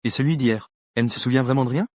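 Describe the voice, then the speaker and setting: A man narrating a first-person story for a comic dub with a rapid, even delivery. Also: mid-range voice, no echo, clean studio sound.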